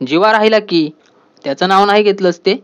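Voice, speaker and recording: A man voicing a loud, mocking young woman. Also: sits high, a little fast, clean tone, lightly acted.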